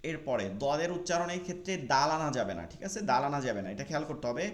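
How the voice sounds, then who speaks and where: A man leads an online Quran pronunciation lesson in a fairly high voice. He patiently repeats each sound slowly so his students can copy it. The room around him is echoey. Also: expressive. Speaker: Quran recitation teacher.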